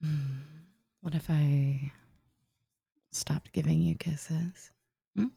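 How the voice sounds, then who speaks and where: Breathy whispering woman, very slow. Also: low voice, steady tone, dry recording, clean studio sound. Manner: soft whispering with long murmured hums; soothing, hushing. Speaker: ASMR roleplay performer. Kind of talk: whispered ASMR roleplay.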